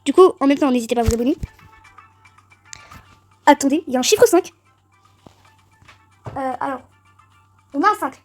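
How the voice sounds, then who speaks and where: A woman giving chatty, excitable let's-play commentary on a game, talking straight to her viewers. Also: high-pitched, moderate pace, pauses often, faint music behind. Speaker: gaming video creator.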